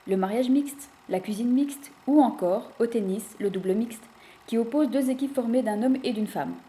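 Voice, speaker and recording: A woman giving measured, explanatory scripted narration. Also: a little high, mellow.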